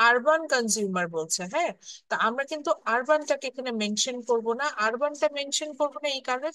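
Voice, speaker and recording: Teaching an online university class, this woman lecturer speaks Bengali peppered with English terms, slowing down for deliberate English phrases and regularly checking on her students. Her voice runs high, pushed and bright. The recording is rough but has no echo.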